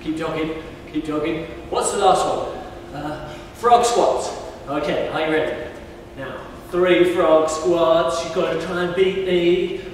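A man's voice: a little high, steady tone, unhurried, very echoey, in a large hall, recorded from a distance, slight background noise, poor audio. A man leading a taekwondo workout for small children, playful, calling out counts and animal noises. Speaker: taekwondo instructor. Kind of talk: kids' workout class.

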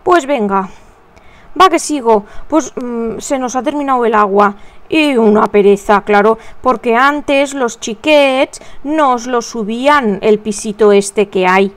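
A woman's voice: on the high side, measured pace. A woman hosting a casual crochet tutorial, chatting with viewers and counting her stitches aloud under her breath.

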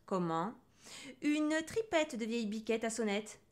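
A woman voicing a rude, cheeky little boy in a storybook reading, with a whiny, squeaky voice. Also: very animated, unhurried.

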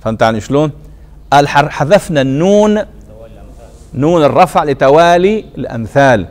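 A man with a fairly high voice gives a classroom grammar lecture in a mosque teaching circle. He fires short checking questions at his students and answers them himself. He stretches each example word out slowly and repeats it. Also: expressive, a little mellow. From Tunisia.

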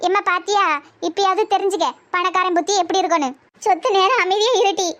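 ஒரு பெண் கார்ட்டூனில் நெல்லை வட்டார வழக்கில், குற்றம் சாட்டிக் கத்தும் கோபமான கிராமத்து அம்மாவுக்குக் குரல் கொடுக்கிறார். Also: female voice, very high voice, fast talker, fairly bright tone. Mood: angry. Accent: Tirunelveli Tamil. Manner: scolding, accusing. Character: angry village mother, sharp-tongued and loud. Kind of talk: cartoon voice acting.

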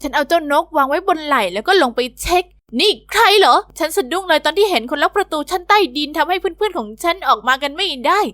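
Storybook narrator: woman, high and bubbly teen-girl delivery, dry close studio voice-over. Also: expressive, fast talker, few pauses, a bit bright, no room sound. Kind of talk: scripted first-person story narration.

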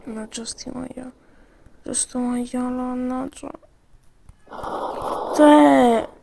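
A woman improvising playful, slangy role-play commentary over a video game, with sudden yells. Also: on the high side, fairly even intonation, takes it slowly, noisy background.

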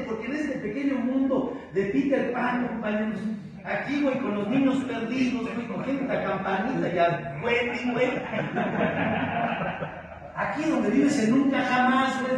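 A Mexican man speaking as a sponsor at a recovery group, giving a blunt, profane, slangy talk that keeps calling out to his companions. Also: extremely high pitch. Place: meeting room of a recovery group. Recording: echoey distant room mic with faint noise.

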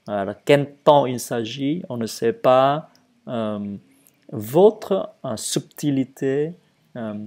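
Guy teaching real slow, lots of um, mellow dark voice. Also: mid-range voice, gravelly. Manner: hesitant, many fillers, stretches conjugation drills slowly. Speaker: French teacher. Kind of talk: relaxed spoken language lesson.

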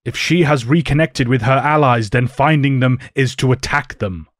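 A man playing a principled professor who leads mutant heroes, speaking in a measured, formal way in an audio drama. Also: mid-range voice, no room sound, studio quality, natural voice. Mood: grave, measured.

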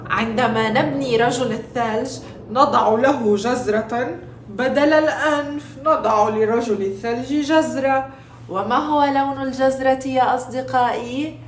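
A woman's voice: sits high, fairly bright tone, echoey room, a little hiss or hum. A woman presenting a children's lesson, playful and exaggerated, coaxing little ones to repeat words. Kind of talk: teaching toddlers.

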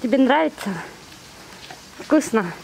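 A woman with a high-pitched, creaky voice and lively intonation speaks at a slow pace, cooing repeated words and diminutives as if to animals. She is filming and feeding bears outdoors at the zoo's enclosures with a handheld camera, and the background is noisy.

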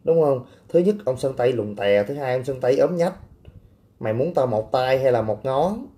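A man's voice: medium pitch, lively intonation, normal speed, warm tone. A man hosting a casual livestream, reading viewer comments with brash, teasing, coarse banter. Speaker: livestream host.

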